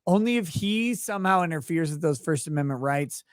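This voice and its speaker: A man's voice: on the high side, lively intonation, brisk, no echo, studio quality. A man hosting a casual livestream, reading chat messages aloud and joking crudely.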